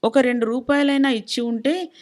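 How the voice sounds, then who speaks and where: A woman voicing a soft-hearted middle-aged wife who speaks gently and pleadingly. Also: sits high, normal speed, voice pushed up, lightly acted. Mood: pleading gentle.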